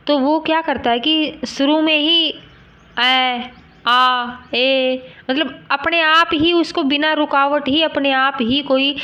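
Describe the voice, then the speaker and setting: A woman's voice: sits high, a bit bright, dull audio. A woman teaching a grammar lesson, patiently explaining and sounding out letters one by one.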